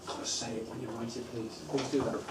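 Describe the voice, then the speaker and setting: A man training teaching assistants in a school room. He gives steady instructions and stretches words out syllable by syllable. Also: medium pitch, fast. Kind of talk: training workshop talk. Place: school room with a live audience. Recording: echoey room from far off, noisy.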